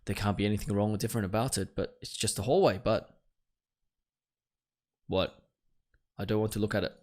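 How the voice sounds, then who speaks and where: Brisk and a little mellow, this streamer's low-ish voice stays fairly even as he reads game text aloud during a let's-play. Between the read-out passages he gets jumpy and lets out nervous exclamations.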